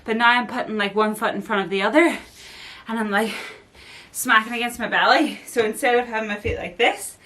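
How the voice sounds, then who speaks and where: A woman's voice: fairly high pitch, fairly quick, fairly bright tone. A young woman vlogging casually, chatty and full of fillers as she explains a workout move step by step. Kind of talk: casual fitness vlog talk. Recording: echoey room, voice from far off.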